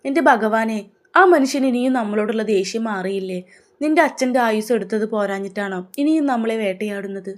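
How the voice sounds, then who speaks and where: A widowed mother from a storybook tale, tearful yet dignified, as a woman narrator voices her. Her voice is fairly high and carries quiet resolve. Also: fairly quick, natural voice. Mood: worried. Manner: pleading, then firm.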